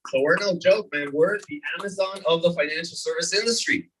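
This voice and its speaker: A man in his thirties, from the California desert, giving an energetic live sales presentation to a room. He keeps repeating his points and asking "right?". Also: high-pitched, brisk, slight background noise. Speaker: presenter at a business opportunity meeting. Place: meeting room before an audience. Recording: voice from far off in a room.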